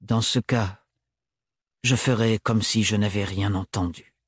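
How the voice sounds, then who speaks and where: Stern unbending man in an audiobook, clipped and hard, husky low voice, as the reader plays him. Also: steady tone, unhurried, no echo, clean studio sound. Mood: curt, cold. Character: tall stiff man, curt and cold.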